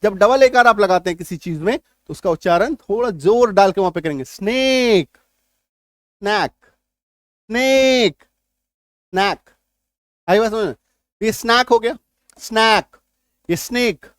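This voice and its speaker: An Indian man teaching English phonics in Hindi, encouraging learners, sounding out words slowly and asking if they follow. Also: high voice, no echo, clean studio sound. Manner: encouraging, repeats words slowly and asks checking questions.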